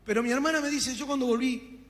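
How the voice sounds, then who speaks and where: A man's voice: extremely high pitch, steady tone, fast talker, a bit bright. A man with an Argentine accent preaching his testimony to a congregation, telling his story with fervor and acting out the dialogue. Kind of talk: testimony sermon. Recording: long reverb of a hall.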